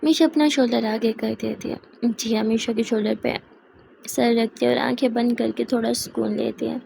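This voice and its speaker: A woman narrating a love story aloud and acting out the characters' dialogue in a soft, expressive way. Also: fairly high pitch, moderate pace, vocal fry, slight background noise, poor audio.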